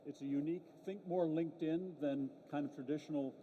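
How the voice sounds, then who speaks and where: A man co-moderating a panel, giving a concise, businesslike pitch. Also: steady tone, brisk, slight background noise. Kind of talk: brief pitch of his platform. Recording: dull lo-fi sound.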